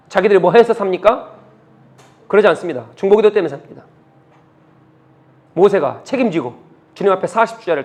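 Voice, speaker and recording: A middle-aged male pastor preaching a sermon, reading scripture slowly and asking the congregation one rhetorical question after another. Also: high voice. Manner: reads scripture slowly, then explains.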